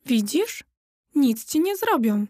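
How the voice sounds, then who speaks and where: Woman voicing a steady, matter-of-fact boy. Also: high voice, takes it slowly, dry recording, clean studio sound, heavily acted. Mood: calm.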